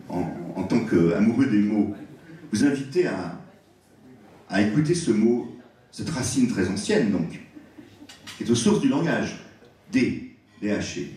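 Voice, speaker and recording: Expressive man lecturing in an echoey hall. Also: on the low side, far from the mic. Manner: expressive, savouring each word. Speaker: guest lecturer. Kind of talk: public lecture on word origins. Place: large hall at an evening event.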